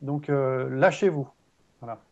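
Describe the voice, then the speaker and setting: Man, former English teacher, emphatic, encouraging, gravelly voice, dull lo-fi sound. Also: mid-range voice, a little slow, a little mellow. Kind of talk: panel talk.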